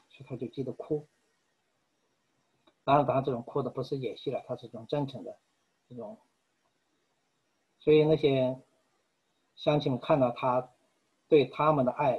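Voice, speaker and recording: A man delivers a sermon in an earnest, unhurried manner, with frequent pauses. His voice is slightly husky and sits at an ordinary pitch. The recording sounds dull and lo-fi. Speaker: preacher.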